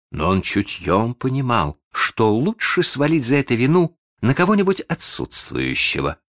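A man narrating a children's storybook, expressive, with playful asides to the listener. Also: deep voice, dry recording, studio quality. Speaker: audiobook narrator.

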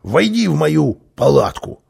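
Guy reading aloud doing a cocky little prankster, gravelly and bossy, swinging up and down a lot. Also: medium pitch, moderate pace, exaggerated voice. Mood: boisterous. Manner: loud, excitable, commanding. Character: boastful mischievous little man, playful trickster.

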